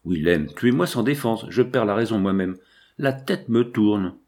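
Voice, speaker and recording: A man's voice: lowish voice, lively intonation, unhurried, a little mellow. A man voicing an anguished, remorseful French officer in an audiobook, speaking urgently and pleadingly.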